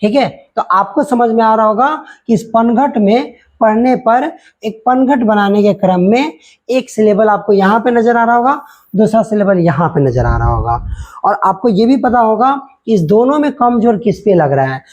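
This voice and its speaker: Male teacher, husky tone, patient explanatory delivery to students. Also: sits high, animated, moderate pace, darkish tone, highs cut off. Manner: explanatory, addresses students directly. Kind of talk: classroom lesson explanation.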